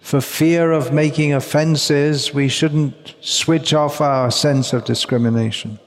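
A man giving a measured religious lecture in short phrases, pausing and repeating words while an interpreter follows. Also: fairly high pitch, fairly even intonation. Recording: long hall reverb.

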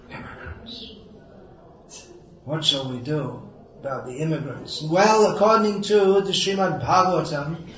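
Sarcastic man preaching in an echoey hall. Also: a little high. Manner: sarcastic and wry, then earnest and emphatic. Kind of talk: sermon. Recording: roomy echo, distant mic, dull sound.

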